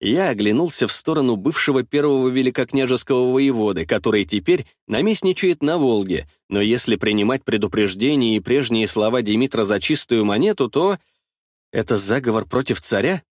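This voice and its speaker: A male narrator reads a first-person historical audiobook in an expressive storytelling manner. His mid-pitched voice rises and falls a great deal, and the close studio recording is completely dry. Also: a little fast, no room sound.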